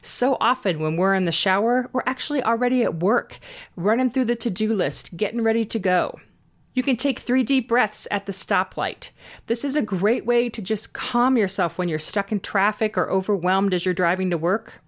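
A woman with a medium-pitched voice presents scripted advice straight to the listener. She sounds upbeat and organized, setting out her points neatly. Key words get stretched for emphasis. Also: normal speed. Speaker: host giving self-help advice on anxiety and mindfulness. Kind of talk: scripted advice narration, tips addressed to the listener.

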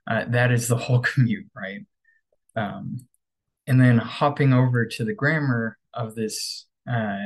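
A man's voice: medium pitch, rough recording. A man hosting a casual English lesson podcast, talking loosely with lots of "um" and "right?". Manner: relaxed, filler-heavy, frequent "right?". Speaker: English teacher, podcast host. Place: home bedroom workstation.

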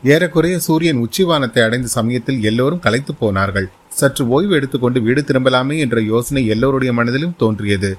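A man narrating a historical novel as an audiobook, in a steady, dramatic storytelling manner. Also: medium pitch, a little fast.

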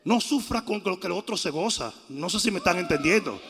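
A man preaching in a high, bright, gravelly voice that keeps breaking into shouts. His delivery swings widely in pitch and rings out with long hall reverb behind him. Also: lively intonation, fairly quick, background noise. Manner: shouts often and acts out voices. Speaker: bishop preaching. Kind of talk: loud animated sermon.

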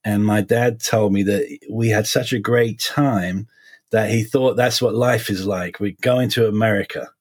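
A man in his forties with a slight Essex English accent softened by American years, chatting casually as an interview guest in halting, repetitive phrasing. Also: on the low side, fairly even intonation, husky. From suburbs of London, England (Essex), then Florida from age 12. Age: 40s. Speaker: guest, criminal defense lawyer.

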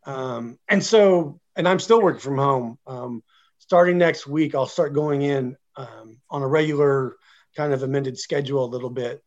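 A man's voice: medium pitch, normal speed, dull audio. A man, a guest chatting casually and rambling a little with many fillers. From Oklahoma. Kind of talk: casual interview chat.

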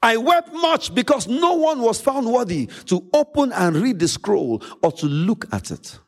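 A Nigerian pastor with Yoruba as his first language preaches a sermon in a high, animated voice. He is emphatic, repeats phrases, and leans on dramatic pauses.

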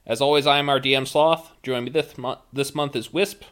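A man's voice: medium pitch, steady tone, fairly quick, a bit bright, clean tone. A man hosting a tabletop game podcast as game master, talking casually and a little hesitantly.

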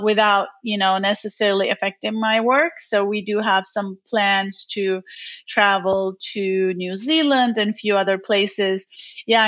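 A Turkish-born woman in her forties, founder of a training company, appears as a podcast guest and answers interview questions chattily, full of ums and restarts. Her voice is medium in pitch with a fairly bright tone, and the recording sounds dull and lo-fi.

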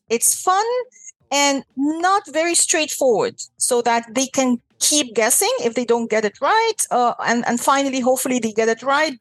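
A woman with a high voice walks through a classroom activity step by step. She talks in a measured way, with fillers and restarts along the way. The recording is dry, with no room sound. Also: a bit bright, no room sound, low-quality recording. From Egypt. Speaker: guest teacher.

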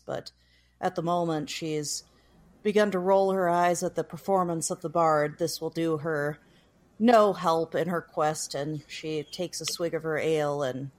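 A woman narrating her character in a tabletop game in a measured way. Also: low-pitched, darkish tone. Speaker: player.

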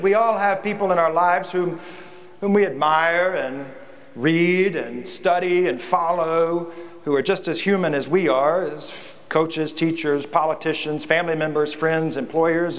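A man's voice: on the high side, measured pace. A man, a pastor, preaching a reflective sermon in a church, often repeating words as he goes.

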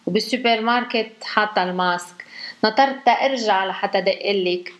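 A woman's voice: medium pitch, a little fast. A young woman with a Lebanese accent chatting casually with her mother, playful and full of teasing questions. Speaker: daughter on a call with her mother. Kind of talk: casual family phone chat.

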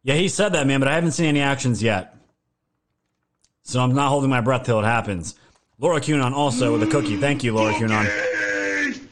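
Guy ranting on his livestream, sarcastic, cussing, voice getting hoarse. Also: medium pitch, brisk, pauses often, a little hiss or hum. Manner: sarcastic, swears, animated outbursts. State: losing his voice. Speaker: livestream host. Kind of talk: ranting political commentary.

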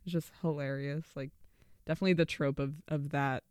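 Giggly man with a higher voice. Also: steady tone, a little fast, clean tone, no room sound, clean studio sound. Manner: giggly, enthusiastic. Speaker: podcast co-host. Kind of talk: casual film discussion.

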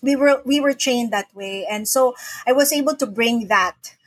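Speaking from her home in the Philippines, a middle-aged woman appears as a guest on a podcast, chatting in a relaxed interview style. Her fairly high voice moves at a normal pace, with no echo in the recording. She comes across as earnest and tends to repeat words when starting sentences.

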